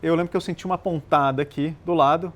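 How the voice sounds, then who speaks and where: A man born in Chile, an interview guest and nonprofit founder, telling his story in a measured, explanatory way with some hesitations. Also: on the high side, fairly even intonation. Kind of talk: relaxed conversational storytelling.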